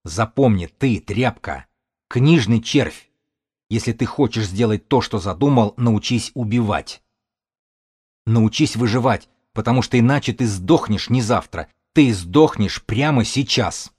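A fierce young survivor woman, read by a man in an audiobook, speaking harshly in short commands. The voice sits low. Everything she says sounds like an order. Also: moderate pace, darkish tone, lightly acted. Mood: threatening. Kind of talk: audiobook character reading.

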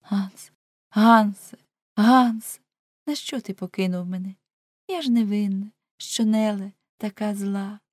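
A woman's voice: medium pitch, a little slow, darkish tone, no echo, studio quality, close to an everyday voice. A woman reading an audiobook voices an exhausted, dazed woman who mumbles weakly in despair. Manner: weak, faint mumbling.

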